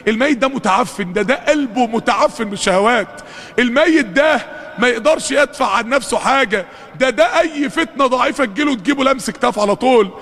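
The voice here is extremely high, expressive, and a bit bright, belonging to a fast-talking man with an Egyptian Arabic accent. He preaches a fervent mosque sermon full of rhetorical questions and calls to the congregation, with the hall's reverb audible.

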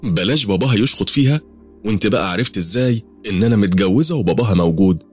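A man's voice: fairly low pitch, lively intonation, very fast, darkish tone, breathy edge, faint music behind, pitched above the performer's own voice. A man with an Egyptian accent voicing a wary, skeptical young mother in her late twenties who questions a stranger.

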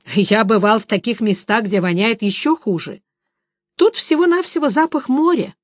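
A woman's voice: on the high side, expressive, normal speed, no echo. Terse, stern monster-hunter, read by a woman. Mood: dry.

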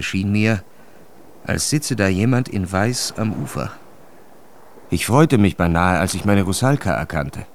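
A man narrating a literary radio drama in a measured, calm storytelling voice. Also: low voice, a little hiss or hum.

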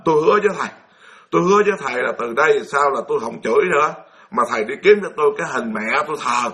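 A man's voice: medium pitch, animated, racing, a bit bright, close to an everyday voice. A monk quoting a pleading old village woman. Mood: eager promising. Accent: Southern Vietnamese. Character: poor scolding elderly village woman.

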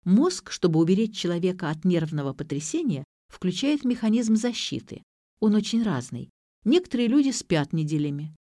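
Calm, measured young woman posing as a doctor voiced by a woman, warm and low. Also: no echo, studio quality.

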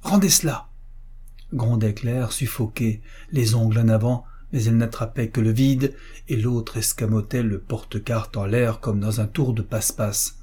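A male audiobook narrator reads a classic story in short, measured phrases. His voice is mellow and dark, with a husky texture. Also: fairly low pitch, fairly even intonation.

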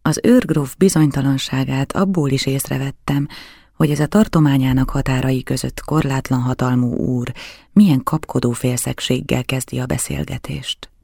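Gravelly male audiobook narrator. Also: mid-range voice, fairly even intonation, dark tone, no room sound, studio quality. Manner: measured, dramatic storytelling.

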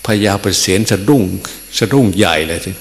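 A male Buddhist monk teacher telling a story in a sermon. He speaks in a folksy way, with many filler sounds and chuckles, in a temple hall. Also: normal speed. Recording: long reverb, faint hum.

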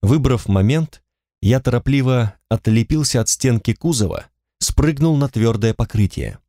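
Man, first-person audiobook narrator, measured, detached, middle pitch, dry close recording. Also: lively intonation, dark tone, dry recording.

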